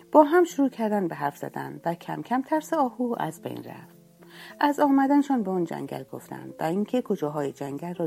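A woman narrating a children's animal story with an expressive, swooping delivery. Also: deep voice, creaky.

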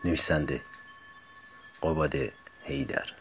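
A man, the author, calmly reading his own short story aloud in a measured way. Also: a bass voice, music in the background.

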